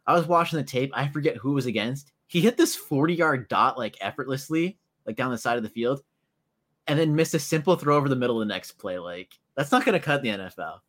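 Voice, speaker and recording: A man's voice: medium pitch, expressive, fast, fairly bright tone. A man co-hosting a casual sports talk show, talking eagerly and conversationally. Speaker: podcast co-host.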